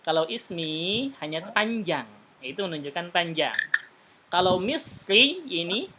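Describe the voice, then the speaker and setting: A man teaching an Arabic class, patiently explaining and repeating words slowly for his students. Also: high-pitched, sing-song, background noise.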